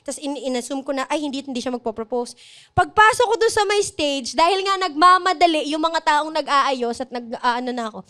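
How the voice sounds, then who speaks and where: A high-pitched woman chats casually and tells her story with lots of animation. She laughs often between lines. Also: fairly quick, sharp tone. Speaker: guest telling her proposal story. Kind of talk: casual chat.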